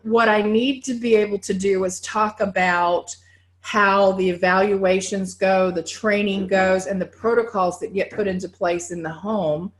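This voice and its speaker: A woman's voice: mid-range voice, steady tone, unhurried. A woman dog behavior trainer with a Southern US accent giving a conversational training talk to foster volunteers, often checking in with "right?". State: getting winded.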